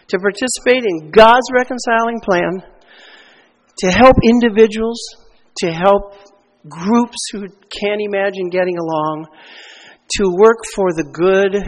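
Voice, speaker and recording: A man preaching a sermon in a church, emphatic, swinging between loud declarations and hushed asides, with anecdotes in which he acts out quoted voices. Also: sits high. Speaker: pastor. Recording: long hall reverb.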